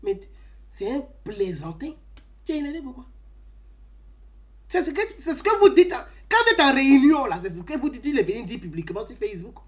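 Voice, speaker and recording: In a brisk, very animated manner broken by long pauses, a woman with an Ivorian French accent rails through a political monologue. She is emphatic and reproachful, shifting from shouted outbursts to low remarks.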